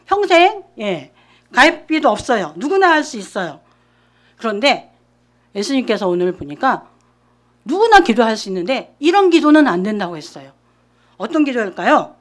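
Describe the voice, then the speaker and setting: A woman junior pastor giving an animated children's sermon in church, asking the kids questions. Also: on the high side, normal speed. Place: church during a service.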